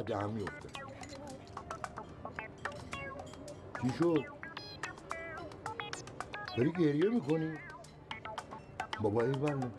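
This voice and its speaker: An actor playing a touchy, boastful middle-aged father who grumbles and takes offence quickly, in a comedy film. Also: fairly high pitch, close to an everyday voice. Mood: teasing. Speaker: father of the household.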